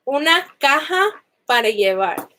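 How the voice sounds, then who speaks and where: Chatty and full of energy, a young adult woman teaches beginner Spanish phrases in a casual online session, laughing often and sweeping between high and low pitches. She never rushes.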